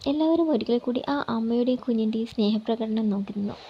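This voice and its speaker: A woman reading a romance story aloud in a calm, steady way. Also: fairly high pitch, fast, lo-fi sound, noisy background.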